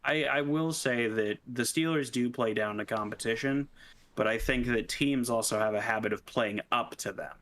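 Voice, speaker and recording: A man's voice: mid-range voice, moderate pace, a bit bright. A man co-hosting a sports talk stream, laid-back and agreeable, often restarting his sentences. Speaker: podcast co-host. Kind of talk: casual sports chat.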